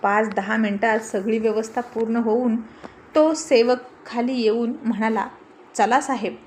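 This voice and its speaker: A woman storyteller reading a folk-style tale aloud. Her narration is steady and expressive, with a voice pitched a little high. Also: normal speed, a little hiss or hum.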